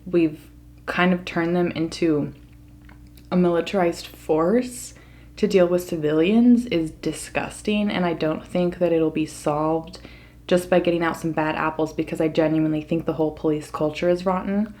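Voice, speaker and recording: A woman's voice: on the low side, steady tone, normal speed, a little mellow. An American woman talking casually to her viewers in an opinion monologue, earnest and emphatic. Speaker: mukbang vlogger.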